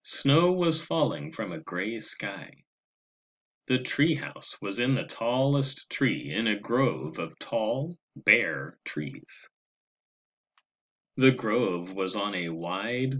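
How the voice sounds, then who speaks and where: A man narrating a children's storybook with a slow, expressive read-aloud delivery. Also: fairly low pitch, slightly rough. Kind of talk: storybook reading.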